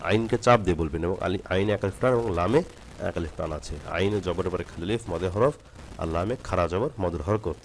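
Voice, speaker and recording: A man teaching Quran recitation. He reads phrases slowly and drawn out, then explains the rules quickly. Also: deep voice, slight background noise. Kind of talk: tajweed lesson.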